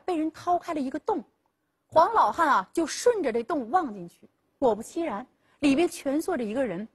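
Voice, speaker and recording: A woman host narrates a rural tale in a bright, high voice that leaps up and down expressively. She lingers on pauses and slips into the characters' voices as she goes. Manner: lively storytelling, acting out dialogue with drawn-out 啊 pauses. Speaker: host and storyteller of a legal program. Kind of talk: dramatic storytelling lecture.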